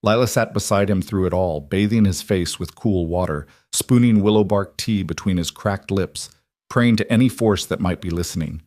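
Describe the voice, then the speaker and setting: A man reading a scripted frontier story in a steady, measured way. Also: deep voice, no room sound, studio quality. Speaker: narrator.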